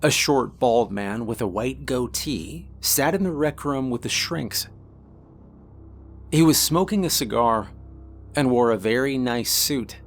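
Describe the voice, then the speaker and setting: Male narrator, slow measured delivery, scripted story reading. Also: mid-range voice, expressive, faint music behind. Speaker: minister.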